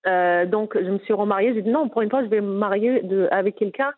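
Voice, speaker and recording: A woman's voice: medium pitch, brisk. A middle-aged woman speaks French with a strong Moroccan accent, earnest and insistent, often stumbling and restarting as she presses her point. Her voice comes through a narrow, phone-like band. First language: Moroccan Arabic. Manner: earnest, emphatic, frequent restarts. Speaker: interviewee, businesswoman. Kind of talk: candid personal interview.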